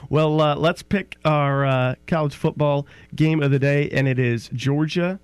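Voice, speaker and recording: A man's voice: on the high side, clean tone, no echo. Man reading sports scores, casual. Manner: reads scores briskly, relaxed chat. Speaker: sports show co-host.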